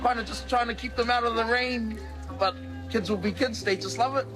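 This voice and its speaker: A man's voice: very high-pitched, steady tone, a little fast, over music. A man with a New Zealand accent talking casually and off the cuff. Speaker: documentary participant. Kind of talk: casual unscripted talk.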